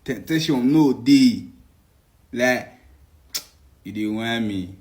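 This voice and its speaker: A man's voice: medium pitch, slow, darkish tone. A man giving laughing, mocking commentary in pidgin. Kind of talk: reaction commentary.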